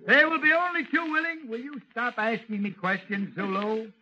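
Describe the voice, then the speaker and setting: Blustering high-voiced man on old radio. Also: normal speed, pushed and bright. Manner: blustering, grumbling asides. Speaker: comedy radio columnist. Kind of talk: 1930s radio comedy. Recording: old lo-fi radio recording with hiss.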